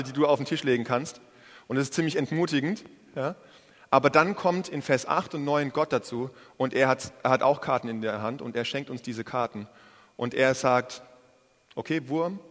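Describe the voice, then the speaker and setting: A man preaching a sermon in a lively, casual way, speaking straight to the congregation. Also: medium pitch. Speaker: pastor. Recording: preached in a large hall with long reverb.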